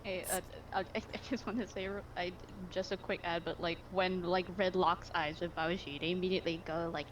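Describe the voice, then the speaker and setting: A woman's voice: on the low side, fairly even intonation, fairly quick, few pauses, lo-fi sound, a little hiss or hum. A woman chatting casually as a player in a tabletop game.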